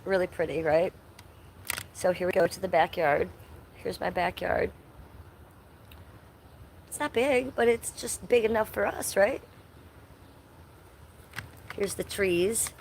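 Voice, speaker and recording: Low-pitched and creaky, she takes her time and leaves long gaps, over slight background noise. The speaker, from Ohio, USA, is livestreaming outdoors at home, allergy-stuffed and nasal, chatty and profane as she wanders the backyard answering chat.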